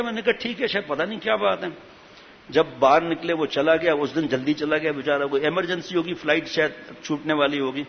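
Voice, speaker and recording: A man preaching a sermon, telling anecdotes and acting out their dialogue. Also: fairly high pitch. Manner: animated storytelling, acting out dialogue. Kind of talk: storytelling sermon. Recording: echoey hall, dull audio, faint hiss.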